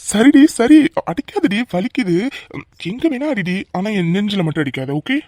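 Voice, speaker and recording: A woman's voice: mid-range voice, big pitch swings, normal speed, dark tone, no room sound. A woman voicing a young husband in a cartoon romance, teasing and coaxing his wife tenderly.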